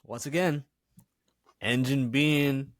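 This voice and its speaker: A laid-back man co-hosting an anime podcast, chatting loosely and laughing along with his partner. His voice sits at an ordinary mid pitch for a man. It is recorded close and dry, with no room sound. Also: fairly even intonation, slow, no room sound. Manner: laid-back, laughs often, short agreeing replies. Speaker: podcast co-host. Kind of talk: casual anime discussion.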